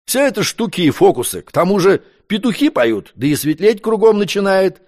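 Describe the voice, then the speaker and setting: A man's voice: high voice, sing-song, brisk, a little mellow, pitched above the performer's own voice. A man voicing a powerful, short-tempered prince who barks orders in a storybook reading. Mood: imperious. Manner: commanding, scolding. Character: imperious irritable powerful prince.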